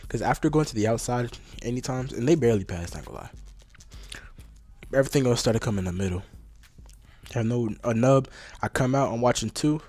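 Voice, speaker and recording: Slangy, excitable young man. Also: medium pitch, a little fast, long pauses. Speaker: vlogger. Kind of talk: casual commentary on old game footage.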